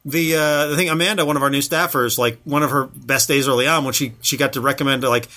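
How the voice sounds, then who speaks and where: A man co-hosting a casual podcast, talking quickly and upbeat about running a comic shop. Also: mid-range voice, steady tone, pushed and bright.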